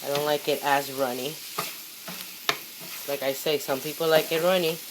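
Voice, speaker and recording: A woman's voice: low-pitched, fairly even intonation, normal speed. A woman giving a casual, chatty cooking demonstration at the stove, encouraging and often repeating short phrases as she works. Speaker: home cook hosting a cooking video. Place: home kitchen at the stove. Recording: noisy kitchen with sizzling and pan clatter. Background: sizzling, stirring, clinking pans.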